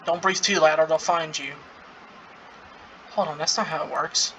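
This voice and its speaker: Bright forceful voice, casual game commentary, reading lines aloud, giggly, faint noise behind. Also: mid-range voice, fairly even intonation, moderate pace, muffled recording. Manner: giggly, reacting with amusement while reading. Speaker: gaming content creator playing through a story event.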